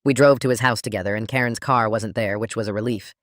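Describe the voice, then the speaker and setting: A man reading a scripted first-person story in a steady, even storytelling delivery. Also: lowish voice, quick pace, no room sound, clean studio sound. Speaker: narrator.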